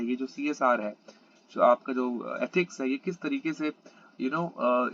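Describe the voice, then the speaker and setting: A male commerce tutor with an Indian accent gives an exam-prep lecture. He reads English lines slowly, then explains them quickly in conversational Hindi, checking in often with "है ना?". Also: mid-range voice, fairly bright tone, dull audio.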